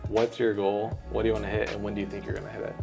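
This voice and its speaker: Young dude, low gravelly voice, rambly upbeat chat, guitar music behind. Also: male voice, level tone, rapid-fire, warm tone. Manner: upbeat, rambling, filler-heavy. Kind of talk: casual chat.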